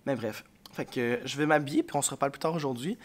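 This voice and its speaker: Speaking at a medium pitch and a quick pace, this male elementary schoolteacher vlogs casually to camera through the camera mic. His Quebec French accent comes through a congested voice as he rambles on, tired and candid.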